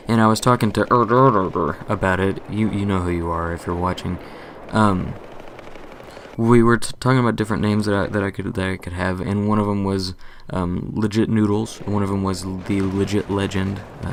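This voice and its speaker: In a deep voice, a young man who runs a gaming channel gives a laid-back update in monotone. He wanders off topic, fixes his own mistakes and jokes around, with background noise audible.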